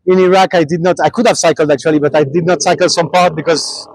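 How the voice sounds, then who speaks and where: A young man, a cyclist answering questions in a relaxed interview, pausing and restarting often. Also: on the high side, poor audio. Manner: halting, many restarts and fillers. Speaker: traveling cyclist.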